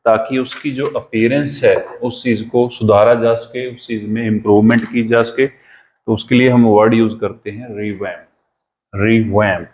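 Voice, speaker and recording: A man teaching English vocabulary in a classroom-lesson style, with an Indian accent, repeating each word slowly for pronunciation drills. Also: medium pitch, steady tone, darkish tone, a little hiss or hum, low-quality recording.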